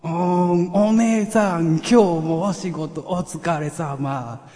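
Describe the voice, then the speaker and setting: A man doing a slow, high, drawn-out whine as a cartoon cat creature cheering on a young woman. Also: dark tone, long reverb tail.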